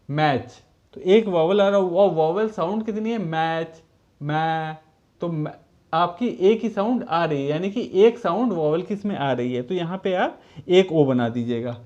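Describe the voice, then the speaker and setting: A man with a high, warm voice teaches children a school lesson, patiently reading English sentences word by word and repeating them. He calls the pupils children, and the classroom recording is dull and lo-fi.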